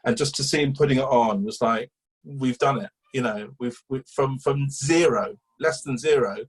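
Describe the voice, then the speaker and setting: Man, husky, mid-pitched, chatty rambling storyteller. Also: normal speed, low-quality recording. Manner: chatty, rambling with fillers and restarts. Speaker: guest, animal welfare campaigner. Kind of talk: casual interview storytelling.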